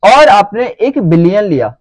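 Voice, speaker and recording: Man lecturing a class, high pitch, dry sound, frequent comprehension checks. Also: sing-song, measured pace, darkish tone, no room sound, rough recording. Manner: checks understanding with repeated questions. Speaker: teacher.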